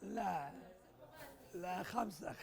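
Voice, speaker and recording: Running a puzzle exercise at a conference workshop, a man teases and urges the participants playfully, switching between Arabic and English. His high-pitched voice is creaky and he draws out his words, with crowd noise around him.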